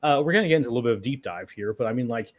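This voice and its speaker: Guy hosting a livestream, easygoing, jokey side remarks, mid pitch. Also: expressive, rapid-fire. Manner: casual, wry, rambling asides. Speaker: host. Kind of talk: livestream panel chat.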